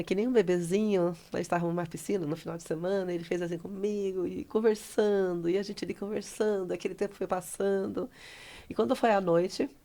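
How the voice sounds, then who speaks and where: A woman's voice: lowish voice, dark tone. A middle-aged woman with a Brazilian Portuguese accent, a podcast guest sharing a personal story with feeling, acting out conversations and often laughing. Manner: heartfelt, re-enacts dialogue, breaks into laughter. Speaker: guest, writer and speaker.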